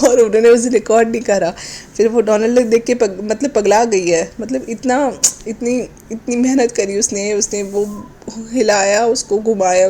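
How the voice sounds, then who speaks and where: A woman delivers a sarcastic, mocking vlog commentary in a mellow, warm voice, dropping English phrases into her talk. Faint noise sits underneath. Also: fairly high pitch. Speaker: commentary vlogger.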